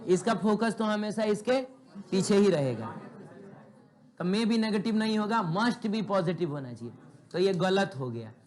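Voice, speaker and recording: A man teaching physics in a classroom, asking the students rhetorical questions and telling chatty ones to be quiet. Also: high voice. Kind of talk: classroom lecture.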